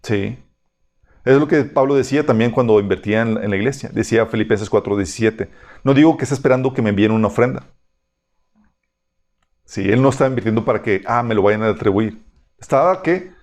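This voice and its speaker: A man's voice: medium pitch, fairly quick, a little mellow. A man teaching a Bible study in a conversational way, reading passages aloud and often checking that his listeners follow.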